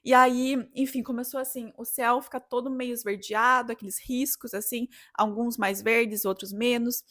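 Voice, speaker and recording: Young woman vlogger, chatty and animated, fairly high voice, dry close mic. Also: no echo. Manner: animated, breaks into excited outbursts and laughs. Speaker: travel vlogger. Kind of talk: excited casual storytelling.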